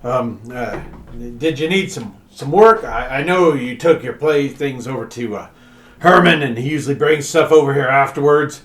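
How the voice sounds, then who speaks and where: A man's voice: medium pitch, normal speed, a bit bright, echoey room, lightly acted. A man doing a flustered, frustrated sheriff. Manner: gruff, exasperated, flustered. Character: frustrated, flustered small-town sheriff working as a smith.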